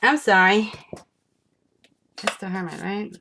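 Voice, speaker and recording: A woman giving an enthusiastic spiritual tarot reading, excitable and rambling as she turns the cards. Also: mid-range voice, slow pace, a little hiss or hum. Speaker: tarot reader.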